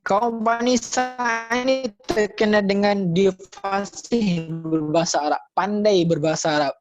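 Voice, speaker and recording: A man's voice: high voice, steady tone, unhurried, over music. A man with a Malaysian Malay accent, a religious teacher giving an online lesson to children, patiently repeating key points and quizzing his pupils. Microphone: computer or phone mic on a video call. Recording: dull, dry lo-fi online class recording.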